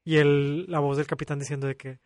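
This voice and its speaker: A young man with a Mexican accent telling an animated, laugh-filled story in casual podcast chat. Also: on the high side, a little fast, dry recording, studio quality. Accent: Mexican Spanish. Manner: animated storytelling, laughs often, acts out voices. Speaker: podcast co-host. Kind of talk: casual chat among friends.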